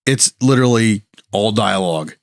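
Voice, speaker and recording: A man co-hosting a podcast in casual chat, relaxed and amused as he shares his favorite moments. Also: lowish voice, normal speed, no room sound. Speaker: podcast co-host.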